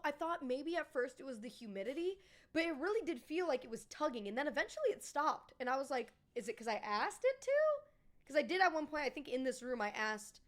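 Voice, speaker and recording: A woman streamer chatting casually with her live viewers, rambling and swearing freely. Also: high-pitched.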